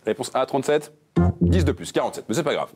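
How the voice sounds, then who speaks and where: Playful quiz host, lively voice. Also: male voice, medium pitch, breathy edge, faint music behind. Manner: playful, jokey, reads options briskly. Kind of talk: game show hosting with puns.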